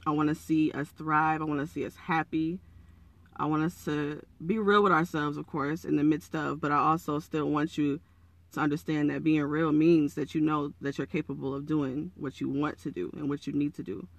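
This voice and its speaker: Raspy, gravelly man, casual motivational podcast. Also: a little high, flat delivery, moderate pace. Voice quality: raspy, froggy morning voice. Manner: earnest, encouraging, conversational. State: hoarse from early morning. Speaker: podcast host.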